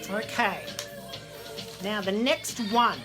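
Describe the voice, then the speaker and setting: A woman speaking at medium pitch and a slow pace runs an online story time, chatting with viewers in a show-and-tell style. She's theatrical and gushing, calling everyone "darlings," while disco music plays in the background.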